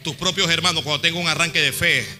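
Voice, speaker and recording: A man preaching a sermon, retelling a story dramatically and swinging between hushed and shouted lines. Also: on the high side, steady tone, fast. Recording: long hall reverb with music.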